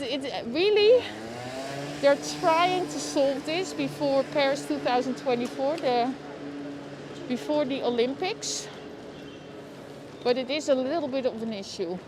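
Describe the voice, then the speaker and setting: During a live outdoor walk, a woman with a Dutch accent talks in a high voice without hurrying, offering casual running commentary to her viewers. She reacts out loud and addresses them by name, recorded on a lapel mic with clear traffic and street sounds surrounding her.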